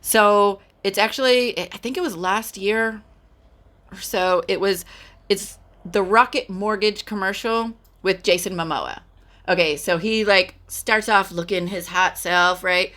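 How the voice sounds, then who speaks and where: A woman's voice: medium pitch, a little slow, sharp tone. A middle-aged woman from Texas, hosting a podcast and telling stories in a chatty way with many fillers. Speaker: podcast host. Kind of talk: casual chat.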